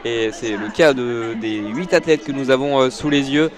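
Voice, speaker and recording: A man giving live audio-described athletics commentary from a stadium, hesitant with many fillers, rising when excited. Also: medium pitch, moderate pace, faint music behind. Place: outdoor stadium.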